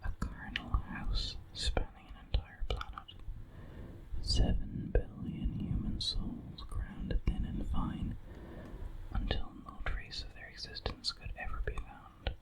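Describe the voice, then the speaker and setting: Someone reading a horror story in an ASMR whisper, very close to the microphone, right in the listener's ear, with measured pauses. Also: low-quality recording.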